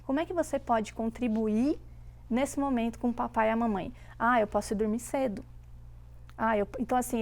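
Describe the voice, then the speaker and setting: A woman in her thirties, chatting casually as a mother and telling stories with lively quoted voices. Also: fairly high pitch, gravelly. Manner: animated storytelling with voiced quotes. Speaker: guest mother. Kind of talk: casual chat.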